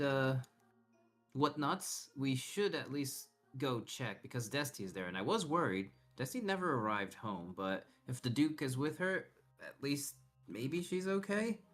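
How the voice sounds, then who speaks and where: Man playing Zilex, a hesitant, concerned adventurer. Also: medium pitch. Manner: hesitant, conversational. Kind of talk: tabletop role-play. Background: background music.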